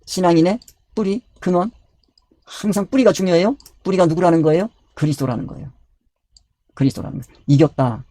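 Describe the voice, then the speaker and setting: Man, pastor, Bible study sermon, husky mellow voice, dry close sound. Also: high voice, fairly quick, no room sound. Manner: repeats key words, asks and answers his own questions.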